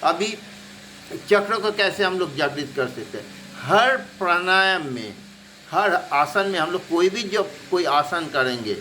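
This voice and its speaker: A man teaching about yoga in an unscripted spoken lecture, halting often with fillers and restarts as he lists terms one by one. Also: sits high, expressive, sharp tone, slight background noise.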